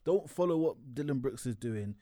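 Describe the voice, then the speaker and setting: A man's voice: mid-range voice, expressive, moderate pace, mellow, dry recording, studio quality. A young man with an urban London roadman accent chatting casually about sport as a podcast co-host, ranting in slang and repeating himself in exasperation.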